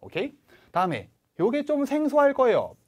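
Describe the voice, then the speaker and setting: Lively man teaching English. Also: very high-pitched, moderate pace. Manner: animated, coaching, has viewers repeat after him. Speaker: English test-prep teacher. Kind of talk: online lecture.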